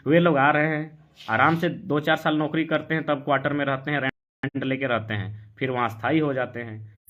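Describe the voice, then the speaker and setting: This Jharkhandi activist speaks at a moderate pace in a mid-range, steady-toned voice, carrying a Jharkhandi Hindi accent. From Jharkhand, India, he answers comments on a live stream in an impassioned, argumentative political talk full of rhetorical questions. The recording sounds dull and lo-fi.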